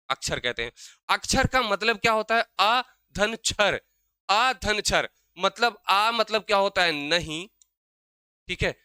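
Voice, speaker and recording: A young man teaching an exam-prep grammar lesson. He keeps asking his own questions and answering them, and he slows down to spell out sounds. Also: high voice, pushed and bright, clean tone, no room sound.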